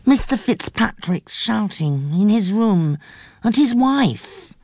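A woman's voice: medium pitch, animated, slow pace, darkish tone, dry recording, studio quality, voice pushed up. A woman doing a clipped, odd young man. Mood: matter-of-fact. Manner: clipped, matter-of-fact.

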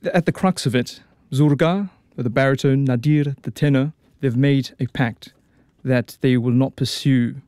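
A man talks easily as an interview guest, his voice mellow and warm. He circles back with fillers and restarts, and the sound is dry and close. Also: medium pitch, steady tone, unhurried, hardly any pauses, no room sound. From New Zealand. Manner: chatty, frequent fillers and restarts. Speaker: opera tenor guest. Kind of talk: casual radio interview.

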